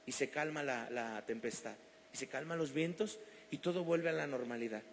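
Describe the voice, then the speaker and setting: Animated preacher in a reverberant hall. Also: male voice, mid-range voice, normal speed, slight background noise. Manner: animated storytelling, acting out quoted voices. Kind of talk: sermon. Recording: long reverb of a church hall.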